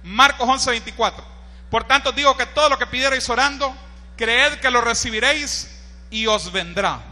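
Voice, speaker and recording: In a large hall, a very high-pitched preacher with a Honduran accent keeps a normal pace while preaching with great energy. Quoted cries are shouted aloud, and he repeatedly challenges the audience with rhetorical questions.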